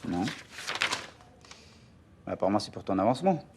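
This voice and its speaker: A man's voice: lowish voice, big pitch swings, moderate pace. An actor playing a blunt, sceptical police group leader in a TV crime drama, pressing his points. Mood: matter-of-fact. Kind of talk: naturalistic TV crime drama acting. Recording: TV soundtrack with background ambience noise.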